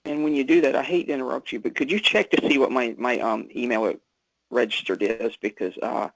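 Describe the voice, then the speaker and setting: Gravelly, husky man on a call. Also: medium pitch, fairly even intonation, brisk, no room sound, highs cut off. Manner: brief, casual replies. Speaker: meeting participant. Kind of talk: casual call chat.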